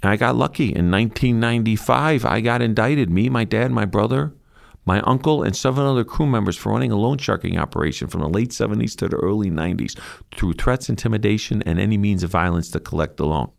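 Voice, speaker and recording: A man's voice: fairly low pitch, fast, gravelly. A middle-aged man telling his own story in an interview, acting out the voices of the people in it. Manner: vivid storyteller, acting out dialogue. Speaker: interviewee recounting his past.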